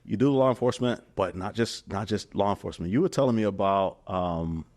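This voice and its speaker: A man's voice: on the low side, fairly quick, a little mellow. A man hosting a podcast, speaking in an earnest and reflective way in a casual interview. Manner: earnest, reflective, calls the guest brother. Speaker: podcast host.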